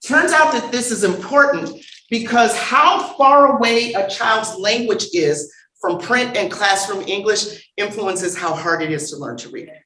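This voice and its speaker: A woman giving a conference lecture, lively and humorous, bantering with the audience and calling for the next slide. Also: mid-range voice. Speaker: conference speaker. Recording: roomy hall sound.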